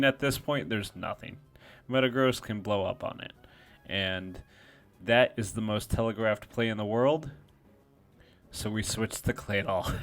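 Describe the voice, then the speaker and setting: A man giving casual, self-deprecating play-by-play commentary on a competitive game, thinking aloud as he goes. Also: medium pitch.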